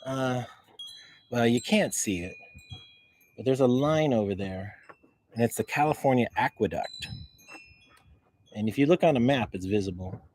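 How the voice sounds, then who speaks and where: A man walking around outdoors on his property, casually showing things off to a handheld camera in a halting, rambling way that keeps repeating words. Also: mid-range voice, expressive, a little mellow, low-quality recording. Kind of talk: casual rambling show-and-tell. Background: faint wind noise.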